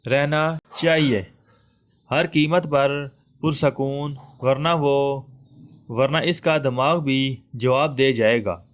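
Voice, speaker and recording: A man reading a moral story aloud in a dramatic, suspenseful narration style. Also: on the high side.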